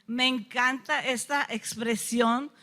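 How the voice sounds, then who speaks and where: A woman's voice: fairly high pitch, fairly even intonation, slow. A woman from Mexico preaching a sermon to a church, often asking the congregation rhetorical questions. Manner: acts out the lepers' cries loudly.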